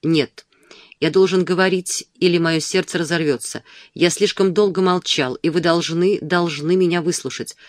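A man voicing an ardent, domineering young gentleman who passionately and insistently pleads his case in an audiobook. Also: on the high side, steady tone, normal speed, no echo, clean studio sound, lightly acted. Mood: pleading. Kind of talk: audiobook dialogue.

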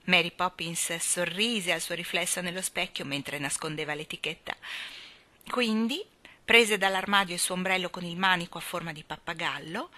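A woman reading a children's storybook aloud in an expressive way, at moments dropping to a whisper. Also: lowish voice. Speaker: audiobook reader. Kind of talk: storybook narration.

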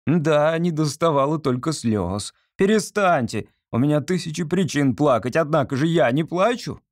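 A man's voice: mid-range voice, moderate pace, a little mellow, dry recording, clean studio sound, natural voice. A man doing a peevish, worn-out painter. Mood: irritated. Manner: peevish, exasperated, through clenched teeth. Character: irritable, worn-out male landscape painter.

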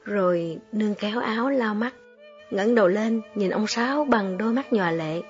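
A woman reading a story aloud in calm, measured narration. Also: mid-range voice. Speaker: audiobook reader. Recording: slightly dull recording, soft music behind.

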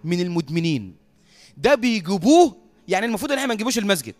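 An Egyptian man preaching a sermon as a lively storyteller who often laughs at his own tale. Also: sits high, very fast, no room sound.

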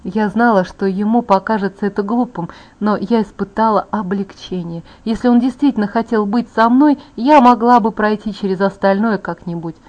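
A woman narrating a first-person audiobook in a calm, even storytelling voice. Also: mid-range voice, normal speed, few pauses, muffled recording.

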